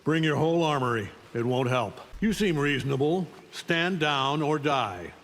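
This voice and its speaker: A man's voice: a little high, lively intonation, normal speed, a bit bright. A man playing an arrogant, menacing alien conqueror in a video game, speaking with cold, contemptuous command. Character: arrogant, menacing alien superpowered conqueror, mature male warrior. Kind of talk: video game fight intro acting. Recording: long reverb on the voice.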